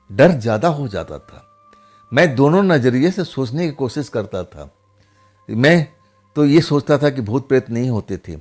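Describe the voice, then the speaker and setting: Male storyteller, chatty first-person horror narration, mid-pitched, faint music behind. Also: darkish tone. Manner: conversational, many pauses and tag questions.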